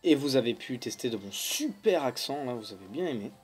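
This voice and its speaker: A man's voice: medium pitch, very animated, a little fast, husky, faint music behind. A young man doing casual let's play commentary, joking and swearing at characters while reading their lines aloud. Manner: joking, swears at game characters, reads dialogue in silly voices.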